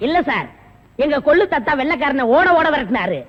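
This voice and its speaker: An actor playing a naive, eager assistant who keeps asking innocent questions, in 1980s film comedy style. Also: male voice, extremely high pitch, big pitch swings, a little fast. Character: naive, eager young male sidekick. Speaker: detective's assistant. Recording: dull old film soundtrack.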